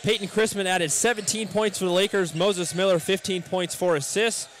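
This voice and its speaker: High-voiced man announcing a pregame. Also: steady tone, moderate pace, a little hiss or hum. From United States. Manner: scripted welcome, stat rundown with fillers. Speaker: play-by-play announcer. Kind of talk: pregame sports broadcast.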